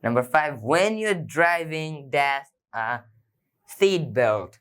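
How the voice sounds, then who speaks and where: Clear-voiced grammar teacher. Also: medium pitch, animated, extremely slow, a bit bright.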